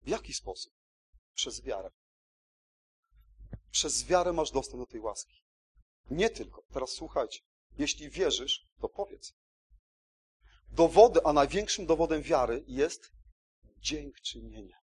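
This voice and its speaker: A man's voice: on the high side, expressive, a little slow, pauses often, husky. A man preaching a sermon in an emphatic way, repeating key words and often checking in with his listeners.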